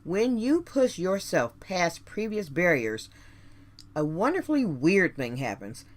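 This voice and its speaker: A radio host with a fairly low, sing-song voice delivers a scripted pep talk straight to her audience. She leans on deliberate, emphatic phrasing and asks rhetorical questions.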